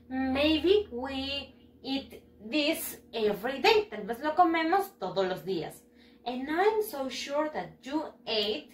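Woman teacher, high animated voice, unhurried, echoey room. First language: Spanish. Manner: drills words, cheerful praise, switches between Spanish and English. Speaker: first grade English teacher. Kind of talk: bilingual lesson to children.

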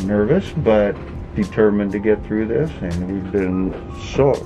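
Older man with a low voice. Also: a little slow, poor audio. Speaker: father filming family vlog. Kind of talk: casual vlog talk. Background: prominent music.

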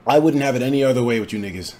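A young man hosting a livestream, loud and excitable, shouting and swearing as he reacts, his voice hoarse. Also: mid-range voice, racing. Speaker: livestream host.

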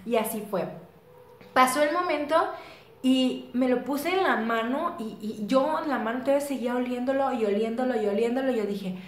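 A young adult woman with a Mexican accent, chatting casually and excitedly as she reviews a perfume, full of slang and fillers. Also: sits high, normal speed, echoey room. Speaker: beauty vlogger reviewing perfume. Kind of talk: casual chat.

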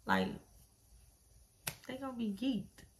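Her fairly high voice swoops wildly in pitch and moves slowly, with a little hiss or hum in the audio. She is a 21-year-old vlogger from Detroit, Michigan, USA, talking casually to camera in a small indoor bedroom in a relaxed, slangy, blunt manner.

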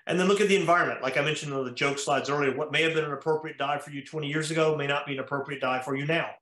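A man's voice: a little high, fairly even intonation, racing, a bit bright. A male cardiologist with an American accent, giving a methodical slide lecture over a video call, explaining step by step with frequent "uh" fillers. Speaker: cardiologist lecturing at a diving conference. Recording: echoey room.

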